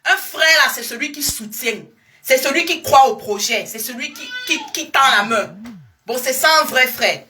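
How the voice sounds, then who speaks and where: Young woman, live-stream weight-loss coach; bright, forceful, slightly high voice, chatty and coaxing. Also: moderate pace. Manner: lively, repetitive, coaxing viewers with endearments. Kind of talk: casual live-stream talk to followers.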